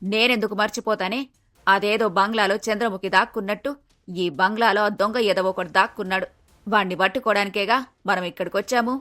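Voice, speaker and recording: A fussy older mother-in-law in a cartoon story, exclaiming and scolding in a colloquial village way, as a woman puts her on. The voice sits lower and rougher than the performer's own. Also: steady tone, a little fast, bright, forceful tone, close to an everyday voice. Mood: indignant.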